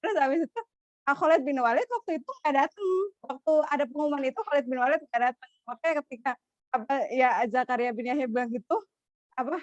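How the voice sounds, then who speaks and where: A woman's voice: sits high, fast, no echo, muffled recording. A woman casually retelling a religious story, chatty, with many fillers and frequent laughs.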